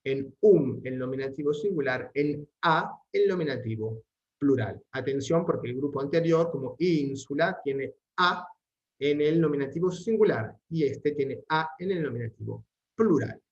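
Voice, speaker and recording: A man giving an online Latin lesson, explaining grammar patiently and reading Latin sentences aloud slowly. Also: a little high, expressive, muffled recording. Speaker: Latin teacher.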